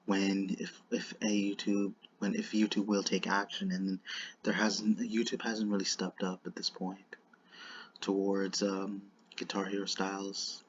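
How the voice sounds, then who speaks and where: A man with a lisp and whistling s sounds gives unscripted commentary in a halting, repetitive way, circling back over his phrases. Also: deep voice, level tone, muffled recording, slight background noise. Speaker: online commentator.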